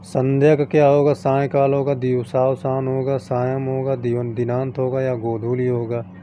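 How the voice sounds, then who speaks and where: A man's voice: mid-range voice, flat delivery, normal speed, warm tone, slight background noise. A man teaching an exam-prep lesson, rattling off long lists of synonyms in set phrases and reminding students what to memorise.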